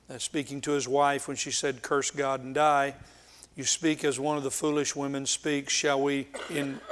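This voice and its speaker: A man preaching a Bible study sermon, reading scripture aloud with emphasis and pausing often. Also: mid-range voice, a bit bright. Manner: slow and deliberate, with frequent filler pauses.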